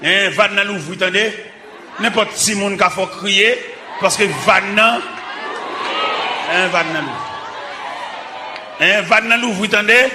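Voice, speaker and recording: A Haitian man preaches with fervor, shouting his sermon in short, punchy bursts. His voice sits high and he takes his time. He is recorded in a roomy, echoing church with the congregation and steady noise behind him. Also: takes it slowly, long pauses, a crowd in the background.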